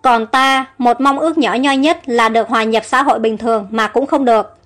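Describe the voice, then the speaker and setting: Rich: A bitter sea monster prince spits out hateful threats with a growl, as a woman reads the role. The voice stays fairly high and light, with soft music faint underneath. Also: brisk, lightly acted.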